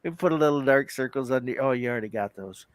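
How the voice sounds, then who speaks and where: A man's voice: mid-range voice, fast talker, smooth. A man in casual banter who teases his friend and laughs often.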